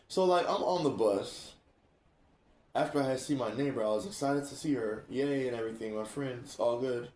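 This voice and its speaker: A man hosting a casual chat, telling stories in an animated way, laughing and acting out what others said. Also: medium pitch, a little slow, long pauses. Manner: animated, laughing, acts out quoted speech. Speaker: streamer and host. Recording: roomy echo.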